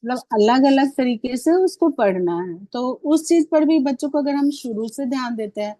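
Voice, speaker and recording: A woman teaching fellow teachers over a video call, walking through each point patiently and stopping to ask rhetorical questions. Her voice sits a little high. The sound is close and dry, with no room around it. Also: lively intonation, moderate pace, warm tone, no room sound. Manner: patient, explanatory, asks frequent rhetorical questions. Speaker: Hindi teacher training other teachers. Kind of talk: online teacher-training class.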